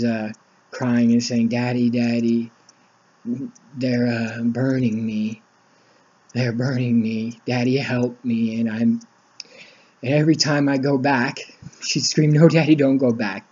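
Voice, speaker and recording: A man telling of his spiritual visions in a halting, emotional monologue, with many restarts. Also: medium pitch, dark tone, husky. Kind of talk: personal testimony monologue. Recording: dull lo-fi recording.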